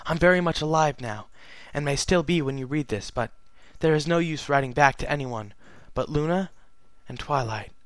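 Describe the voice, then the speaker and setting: A man's voice: on the high side, normal speed, hardly any pauses, no echo, lightly acted. A man voicing a regal, sorrowful immortal pony princess, reading her letter in a solemn, earnest way. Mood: solemn, wistful. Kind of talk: fan fiction reading.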